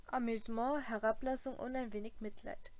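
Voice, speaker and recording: A woman reading a first-person audiobook, with an expressive, dryly humorous storytelling manner. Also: fairly high pitch, normal speed. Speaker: audiobook reader.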